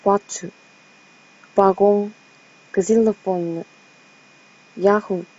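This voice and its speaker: A young woman in her twenties presents a casual study session, chatting in a self-deprecating way and slowly sounding out French words. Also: medium pitch, mellow, lo-fi sound.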